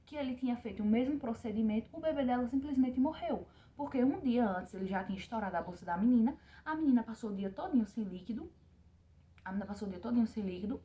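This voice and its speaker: A young woman talks quickly to her viewers with real emotion. Her voice is mellow and soft-edged, and she keeps repeating words for emphasis as she tells a personal story. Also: a little high. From Pernambuco, Brazil. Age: young adult. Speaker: vlogger.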